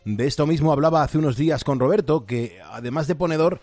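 A man presenting a scripted radio report, clear and measured. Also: on the high side, darkish tone, no echo, faint music behind.

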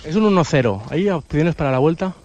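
Quick-talking radio reporter, teasing. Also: male voice, on the high side, animated, darkish tone, highs cut off. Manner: teasing, informal questioning. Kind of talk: quick interview questions.

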